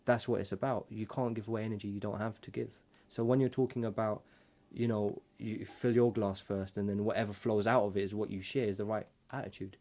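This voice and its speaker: A man's voice: lowish voice, fairly even intonation, a little fast, hardly any pauses, dark tone. A man co-hosting a casual chat over drinks, talking in an earnest, reflective way that rambles with restarts. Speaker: co-host.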